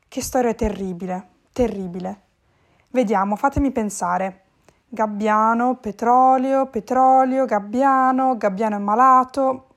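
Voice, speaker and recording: A woman doing a fretful bookish tomcat. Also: unhurried. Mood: excited. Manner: excitable, repeats words, rises sharply in pitch. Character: fussy bookish male cat, easily dismayed.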